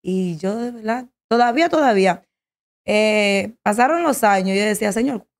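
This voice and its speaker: Emotional woman giving a halting testimony. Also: medium pitch, lively intonation. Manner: halting, emotional, with many restarts. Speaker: guest sharing a testimony.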